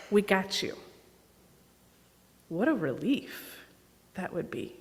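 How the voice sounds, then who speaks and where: Woman preaching in a reverberant church. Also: medium pitch. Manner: animated storyteller, acts out dialogue. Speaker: guest preacher. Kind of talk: sermon with storytelling. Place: church sanctuary.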